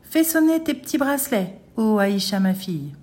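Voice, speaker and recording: Frail old grandfather, high thin calls, wary, put on by a woman reader. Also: big pitch swings, normal speed, darkish tone. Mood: tender.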